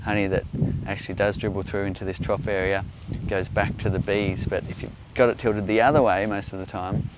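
Aussie guy middle aged, flat low voice, explaining stuff outside, loud background noise. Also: fairly quick, hardly any pauses. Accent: Australian. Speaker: beekeeper, presenter answering viewer questions. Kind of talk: unscripted explainer talk. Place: outdoors on an open grassy hillside.

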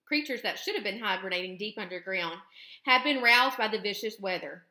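Woman teacher reading a children's novel aloud, bright and expressive, roomy echo. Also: mid-range voice, fairly quick. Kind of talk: children's book read-aloud.

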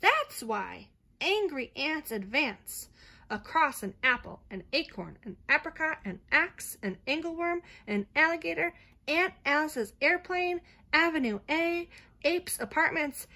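Woman storyteller, soothing bedtime read-aloud, unhurried and sing-song, light high voice. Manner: gentle, expressive storybook reading. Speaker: storyteller reading to a child.

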